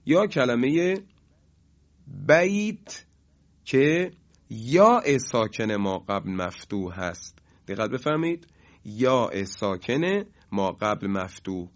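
A man teaching Quran recitation rules, explaining slowly and chanting each example word with drawn-out vowels. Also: fairly low pitch, very animated. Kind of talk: lesson on tajwid rules. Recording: dull lo-fi recording.

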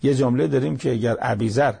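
Gravelly, husky man teaching scripture. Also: medium pitch, dark tone. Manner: plain, conversational explaining with retold dialogue. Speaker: Quran interpreter. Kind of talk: colloquial Quran commentary lesson.

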